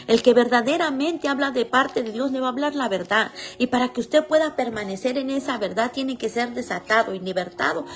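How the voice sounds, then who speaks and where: A woman preaching an earnest sermon, telling her own testimony and reading scripture aloud. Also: on the high side.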